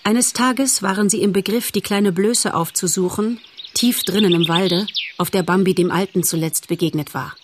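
A woman narrating a children's animal story in a measured, expressive audiobook reading. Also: mid-range voice, noisy background.

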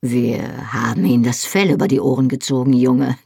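Reader doing a bawdy, brawny Highlander. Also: moderate pace, vocal fry, a little mellow, husky, no room sound, studio quality. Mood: boisterous teasing. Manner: boisterous, bantering. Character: loud, lusty burly Highland man, teasing.

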